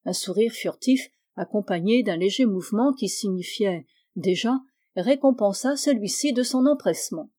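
A woman reading a classic novel aloud in an even, measured storytelling manner. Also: mid-range voice. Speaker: audiobook reader. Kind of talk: scripted narration.

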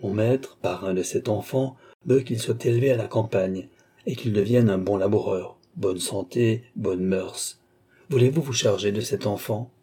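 A proud, courteous young gentleman from an audiobook, voiced by a man reading aloud. He speaks earnestly, in a low, mellow, somewhat husky voice. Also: a little slow.

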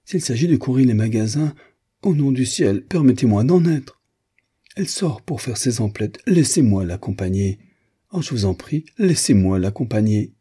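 A timid, weepy giantess of a woman who begs softly for small kindnesses, put on by a male audiobook reader. Her voice lifts higher than his own, with a husky grain. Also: animated, moderate pace. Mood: pleading. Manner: pleading, meek. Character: simple, tearful giant older woman.

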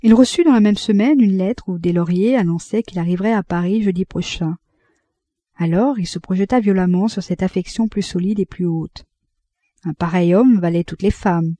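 A woman narrating a literary audiobook in a measured, expressive reading. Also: fairly low pitch, no echo. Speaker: audiobook reader.

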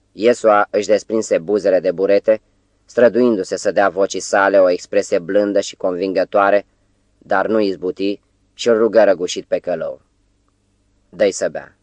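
A man reading a novel aloud as an audiobook narrator, in a measured, even-paced way. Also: on the low side, dry recording. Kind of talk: scripted literary narration.

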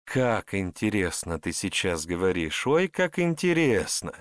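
A man's voice: sits low, very animated, measured pace, no room sound, clean studio sound. A man voicing a cold, scornful adult tsaritsa who mocks and presses her brother. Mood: icy mockery. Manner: icy, mocking, pressing.

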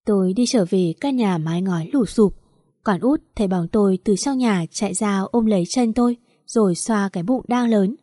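A woman's voice: medium pitch, normal speed, warm tone, no echo, studio quality. A woman narrating a first-person story in a sorrowful, confessional manner.

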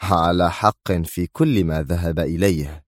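In a thriller audiobook, a male narrator voices a sneering spy, tense and forceful with a mocking, accusing edge. His low voice is expressive and fairly quick, recorded close and dry with no echo.

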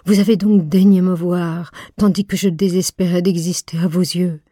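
Ardent young male suitor, fervent pleading, low dusky voice, a woman reading it, dry close audiobook sound. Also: expressive, a little slow, dark tone, dry recording.

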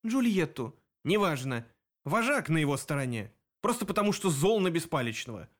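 A man reading an audiobook, voicing a sly, mocking male demon investigator who talks quickly. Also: a little high, big pitch swings. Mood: dry.

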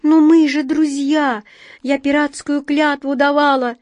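A woman voicing a desperate, lonely young female squirrel in a storybook reading, with a shrill, pleading voice. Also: level tone, measured pace, darkish tone, no echo.

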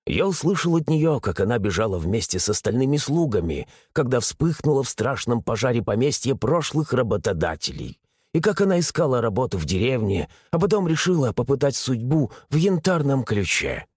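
Husky, lively male audiobook narrator. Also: mid-range voice, brisk, no room sound, studio quality. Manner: expressive first-person storytelling.

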